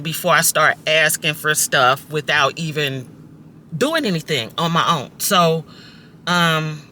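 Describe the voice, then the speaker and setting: A woman in her fifties with a very bright, sharp tone, chatting loosely to her viewers with plenty of fillers. She films herself on a phone outdoors at a park, with a faint hiss of noise underneath. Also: low-pitched. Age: 50s. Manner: chatty, talks straight to viewers, many fillers. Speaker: vlogger. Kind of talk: casual self-filmed vlog chat. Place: outdoors at a park and in a parked car.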